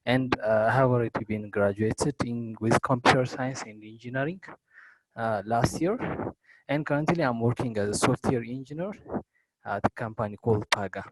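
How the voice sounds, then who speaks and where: A man's voice: mid-range voice, slight background noise. Young man through a fuzzy distorted mic. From Ethiopia. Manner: halting, repeats words, formal phrasing. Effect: fuzzy, distorted microphone sound. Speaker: prospective student asking a question. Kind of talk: question in an online info session.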